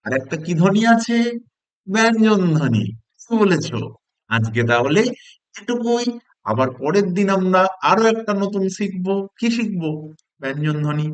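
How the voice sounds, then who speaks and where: A man giving a model lesson, talking to imagined young pupils and then to trainee teachers, with slow, drawn-out stress on key words. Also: sits high. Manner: lively, animated classroom delivery to imagined children. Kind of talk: demo class for teaching-job candidates.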